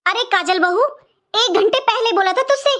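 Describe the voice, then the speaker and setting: In an animated cartoon, a woman plays a bossy middle-aged mother-in-law who scolds and gives orders harshly. Her voice is very high-pitched and moves at a moderate pace.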